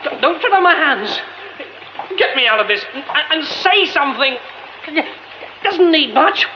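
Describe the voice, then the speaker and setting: Radio drama: a jumpy theatre man, high and lively, stammers when rattled, dull lo-fi hiss. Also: unhurried. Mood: panicked. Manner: mutters to himself, stammers when flustered. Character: young male theatre man, nervy, quick to panic.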